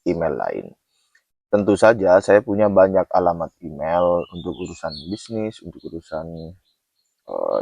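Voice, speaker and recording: A man hosting his own channel, making a casual announcement to viewers and spelling out details slowly and repeatedly. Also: low voice, a little mellow, no echo. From Indonesia. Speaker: channel host running a book donation drive. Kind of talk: casual direct-to-camera announcement.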